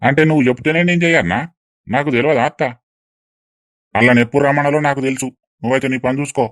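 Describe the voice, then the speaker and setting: Fast-talking grumbling Telangana man. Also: medium pitch, fairly bright tone, no room sound, studio quality. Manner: grumbling, defensive. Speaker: village comedy skit actor. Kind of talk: scripted village comedy.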